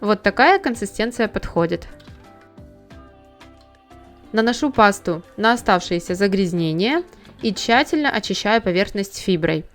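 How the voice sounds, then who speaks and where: Calm woman narrating cleaning steps. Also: medium pitch, measured pace, pauses often, faint music behind. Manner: calm, instructive, step by step. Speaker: home cleaning tips host. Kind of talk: scripted how-to voice-over.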